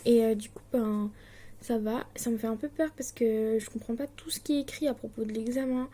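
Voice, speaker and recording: A woman's voice: a little high, steady tone, a little fast, mellow. A young woman in her late teens, from Switzerland, chatting casually to the camera about her studies, hesitant and full of fillers, anxious and self-deprecating. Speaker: distance-learning student vlogger.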